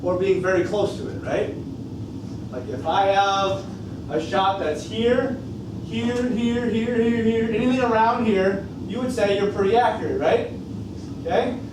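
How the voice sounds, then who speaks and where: A man's voice: high-pitched, unhurried. A man with a North Dakota accent teaching a class, explaining step by step and often checking in with short questions. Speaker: science teacher. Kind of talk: classroom lecture with questions to students. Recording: echoey classroom from far off, noisy.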